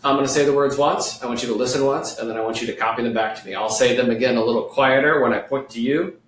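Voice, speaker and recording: A man teaching an online children's music lesson, leading slow, patient call-and-response. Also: mid-range voice, fairly even intonation, recorded from a distance, slight background noise. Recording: echoey room with guitar playing.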